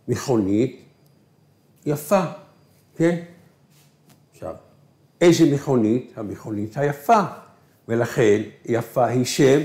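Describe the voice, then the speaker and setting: A man's voice: mid-range voice, darkish tone. Man teaching a grammar lesson in an echoey room. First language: Arabic. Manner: asks questions and answers them himself, with slow stressed words. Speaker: Hebrew teacher. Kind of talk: recorded remote grammar lesson.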